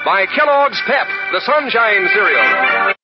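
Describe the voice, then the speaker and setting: A man's voice: sits high, very animated, slow, exaggerated voice. A man playing a peppy old radio announcer, delivering punchy 1940s sponsor messages. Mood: peppy, selling. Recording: muffled old radio broadcast, loud organ music.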